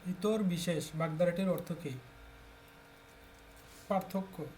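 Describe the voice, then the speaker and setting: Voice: mid-range voice, steady tone, takes it slowly, mellow, slight background noise. A tutor from Bangladesh steadily reading exam questions aloud and announcing each answer in turn.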